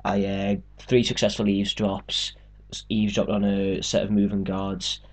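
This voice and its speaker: Lowish-voiced man narrating a walkthrough. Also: flat delivery, moderate pace. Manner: chatty, joking, explains step by step. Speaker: game walkthrough host. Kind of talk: casual gameplay commentary.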